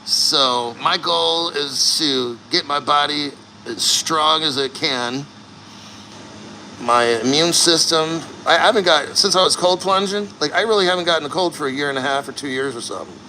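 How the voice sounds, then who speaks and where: A man chatting casually and bluntly to livestream viewers, earnest and straining through the cold as he sits neck-deep in an ice plunge. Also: moderate pace, pushed and bright, a little hiss or hum, rough recording. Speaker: livestream host.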